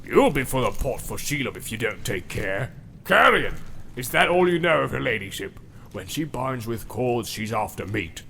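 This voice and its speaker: A man voicing a snarling, brutal male orc captain with a growling, gravelly voice. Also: mid-range voice, sing-song, moderate pace, sharp tone, slight background noise, exaggerated voice. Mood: scornful.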